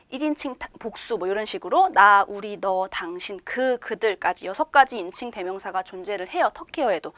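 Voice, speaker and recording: Female instructor for a recorded lesson, animated delivery with lots of questions to the class, close and dry. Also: a little high, no room sound. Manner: patient, explains step by step with many rhetorical questions. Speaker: language teacher. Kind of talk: online language lecture.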